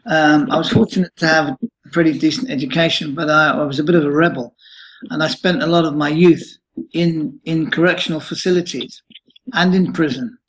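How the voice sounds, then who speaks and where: A man in his late fifties, recounting a troubling experience in a halting interview answer with many restarts. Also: on the high side, steady tone, fairly bright tone, low-quality recording. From United Kingdom. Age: 50s. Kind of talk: emotional personal account.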